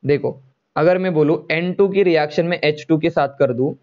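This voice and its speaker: A man teaching a chemistry lecture online in speech, coaxing students to answer and drawing out formula terms slowly. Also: a little high, dull audio.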